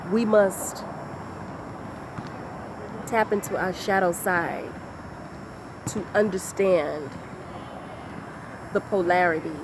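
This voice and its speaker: Slow-talking woman, motivational talk, emphatic repetition, noisy background. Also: on the low side. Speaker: motivational speaker.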